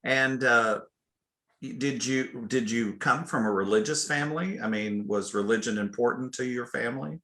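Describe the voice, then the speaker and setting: Bright-voiced man hosting in a roomy room. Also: medium pitch, moderate pace. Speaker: host, chaplain. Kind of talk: interviewing a guest on a video call. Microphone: video call.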